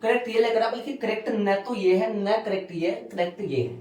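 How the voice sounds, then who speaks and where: A man's voice: high voice, brisk, darkish tone, recorded from a distance. A male maths teacher giving a classroom lecture, repeating key phrases and quizzing his students. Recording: roomy, from afar, faint music.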